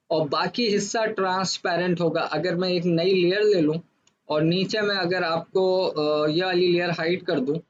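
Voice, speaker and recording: High-voiced man teaching software, lo-fi. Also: slight background noise. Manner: explains step by step with rhetorical questions; says he talks fast to fast-forward. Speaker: design instructor. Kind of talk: screen-recorded software lesson.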